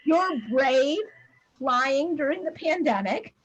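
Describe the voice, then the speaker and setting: A woman math teacher chatting briskly and warmly with her students on a video call, with lots of fillers. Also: sits high, expressive, no echo, dull audio. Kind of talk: casual talk with students after class.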